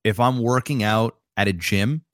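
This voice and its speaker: Low-voiced laid-back man in his thirties. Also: no room sound, studio quality. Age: 30s. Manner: laid-back, drawn-out, swears, calls others bro and man. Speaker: podcast co-host. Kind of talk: casual chat.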